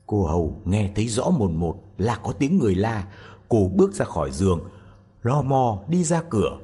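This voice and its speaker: A man reading a fairy tale aloud in an expressive, animated way. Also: lowish voice, normal speed, husky. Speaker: storyteller.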